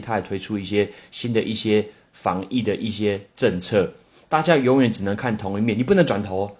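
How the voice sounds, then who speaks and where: A man with a Taiwanese Mandarin accent hosting a casual solo podcast lesson, chatting with lively exclamations and spelling out English words letter by letter. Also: on the low side.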